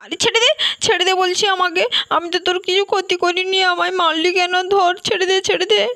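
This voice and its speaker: A frightened little girl , played by a woman, cries out for help in a doll-play story. She wails and begs without stopping. Her voice sits extremely high. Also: fairly even intonation, fast, pushed and bright, roomy sound, heavily acted. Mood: pleading. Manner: wailing, pleading cries for help.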